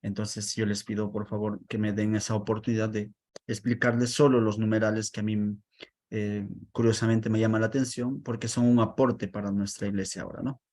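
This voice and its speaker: A man teaching a catechism class, speaking in an unhurried, reflective way, with frequent pauses, fillers and rhetorical questions. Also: lowish voice, level tone, a little mellow. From Peru. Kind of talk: online class lecture.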